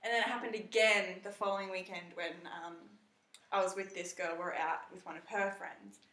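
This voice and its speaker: A woman's voice: mid-range voice, steady tone, brisk, bright, forceful tone. A young woman, a podcast co-host chatting casually and ranting about her topic. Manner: chatty, ranting, quotes others in put-on voices. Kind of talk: casual chat. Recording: echoey room, mic at a distance.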